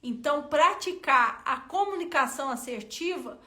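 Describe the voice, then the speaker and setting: A woman with a Brazilian Portuguese accent giving a motivational self-help talk, telling a personal story in an expressive, colloquial way and speaking straight to her viewers. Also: high voice, normal speed. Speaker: self-help content creator.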